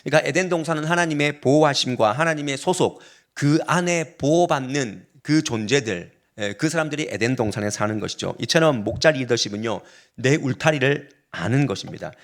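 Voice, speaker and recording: A male pastor delivers a sermon in a voice of ordinary middle pitch. He explains his points patiently, one step at a time. He keeps turning to the congregation with questions. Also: lively intonation, brisk.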